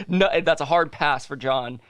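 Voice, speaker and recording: A young man in easy podcast chat, his voice sitting a touch high. He rambles, catches his own slips and laughs along the way. The sound is dry and close, with no room around it. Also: slow pace, a bit bright, no room sound. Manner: rambling, self-correcting, laughs often. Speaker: podcast co-host. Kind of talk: casual chat.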